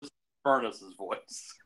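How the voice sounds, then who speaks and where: A man's voice: lowish voice, drawn-out words, sharp tone, poor audio. A man playing a tabletop game, talking in a chuckling, conspiratorial way. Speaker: player. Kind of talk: casual in-character banter.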